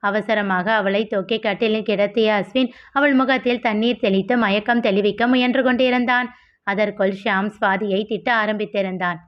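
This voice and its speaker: A woman's voice: mid-range voice, fairly even intonation, moderate pace. Woman reading a novel aloud. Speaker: storyteller. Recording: dull lo-fi audio.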